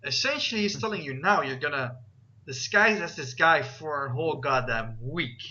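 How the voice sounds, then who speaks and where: A man running a tabletop game as game master, chatty and quick to laugh, on a dull lo-fi recording. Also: a little high, lively intonation, sharp tone.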